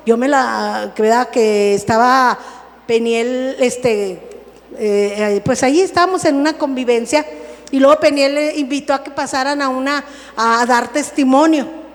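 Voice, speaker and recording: Older lady preaching, chatty, keeps asking the room, long church echo. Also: sits high. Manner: conversational preaching, frequent "¿verdad?" tag questions. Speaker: pastor. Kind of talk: sermon. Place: church hall. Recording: long reverb of a church hall.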